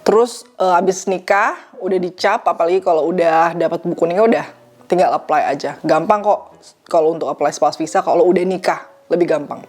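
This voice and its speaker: A young Indonesian woman answers viewer questions in a casual vlog, chatty and sprinkling in English phrases. Her voice is lowish, brisk and a little mellow.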